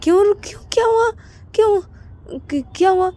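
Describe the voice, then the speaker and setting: A woman's voice: extremely high pitch, normal speed, dark tone, voice pushed up. A woman voicing a bossy young woman who playfully scolds her lover, stammering and repeating words. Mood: fussing, scolding. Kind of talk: storytelling role-play.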